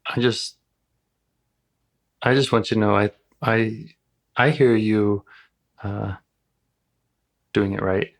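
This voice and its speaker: A male therapist speaks calmly and gently, reflecting his client's words back to her. His voice sits low and stays level, with little rise or fall. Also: slow pace, vocal fry, pauses often. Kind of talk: live therapy session.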